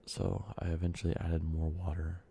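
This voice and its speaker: Sick-sounding and short of breath, the congested ASMR creator talks softly and then whispers his way through a rambling candy-making video full of ums and uhs. His voice is very low, gravelly, dark and mellow, delivered flatly at normal speed over a slight hiss or hum.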